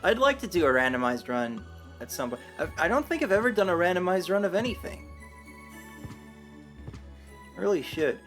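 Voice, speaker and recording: Streamer, male, slightly higher voice, rambling casual chat, game music behind. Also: big pitch swings, moderate pace, pauses often, a bit bright. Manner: rambling, chatty, self-deprecating.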